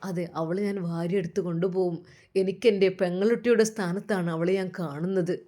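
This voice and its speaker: A woman voicing a tender, earnest young husband with a Malabar Malayalam accent, gently urging. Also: on the low side, fairly even intonation, a little fast, natural voice.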